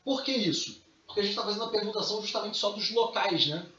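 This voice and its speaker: A man with a Brazilian Portuguese accent teaches a recorded math lesson in a casual, chatty way, calling his students "dear." His voice is high-pitched and sharp, and he talks quickly. The recording sounds distant, roomy and dull, with faint noise.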